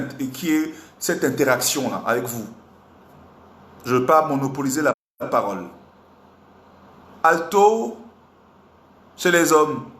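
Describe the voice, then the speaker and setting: Slightly hoarse man teaching a singing class. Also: fairly high pitch. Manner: animated, repetitive, questions the audience. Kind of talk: live online singing lesson. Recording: roomy echo, faint background noise.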